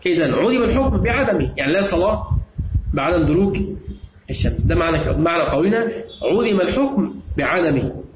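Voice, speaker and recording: A man's voice: fairly high pitch, expressive, a little fast. Egyptian man teaching in an echoey room. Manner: explains step by step, repeats key phrases, quizzes the class. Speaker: teacher of Islamic jurisprudence. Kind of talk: classroom lesson with questions to students. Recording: echoey, dull lo-fi room recording with clear noise.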